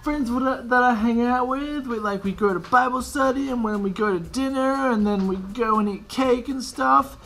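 A man's voice: very high-pitched, normal speed, hardly any pauses, fairly bright tone. A young man talking casually to his camera in a rambling, self-mocking vlog monologue. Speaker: vlogger.

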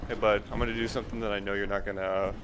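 A man streaming a game with a friend, chatting casually and joking between quick tactical callouts. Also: lowish voice, flat delivery, background noise. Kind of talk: casual gaming chat.

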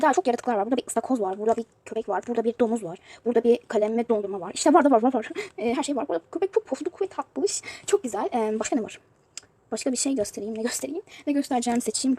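A woman talks quickly through a mobile game in casual, chatty commentary. Her high voice is slightly husky and breathy, and she often breaks into exasperated exclamations when things go wrong. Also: darkish tone. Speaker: youtuber showing a mobile game.

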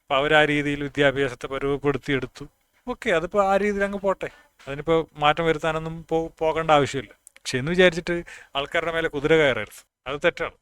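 In a dry recording, a man from Kasaragod in northern Kerala talks casually about language with a fairly high, fast, slightly bright and smooth voice. His delivery is plain, he works through his reasoning out loud, and he restarts words often.

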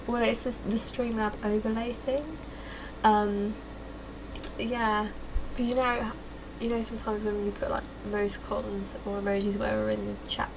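A woman's voice: medium pitch, background noise. A young woman livestreamer chatting casually to viewers, sounding tipsy and a bit giggly from drink. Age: young adult. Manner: tipsy, giggly drunk talk. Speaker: live streamer. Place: small cluttered bedroom.

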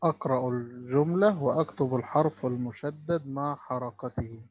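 A man's voice: mid-range voice, moderate pace, no echo, muffled recording. A man with an Egyptian Arabic accent teaching a lesson for young children, stretching out each sound as he spells words.

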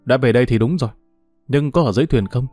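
A man's voice: mid-range voice, fast talker, mellow, faint music behind, close to an everyday voice. A man voicing a young former thief turned smuggler who gives cautious advice. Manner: cautious, advising.

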